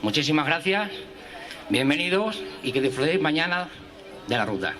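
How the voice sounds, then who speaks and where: A man's voice: on the high side, sing-song, normal speed, sharp tone. A man with an accent from Spain giving a public welcome speech outdoors at a village event. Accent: Spanish from Spain. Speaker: event speaker. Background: light crowd.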